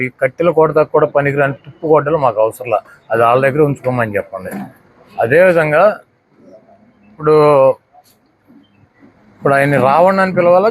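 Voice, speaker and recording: A man's voice: fairly high pitch, a little hiss or hum. A man giving a combative statement to the press, firing off repeated rhetorical questions. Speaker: politician speaking to the press.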